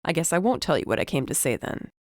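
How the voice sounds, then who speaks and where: A woman voicing a wry, deadpan male police detective in an audiobook. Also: deep voice, quick pace, dry recording, clean studio sound.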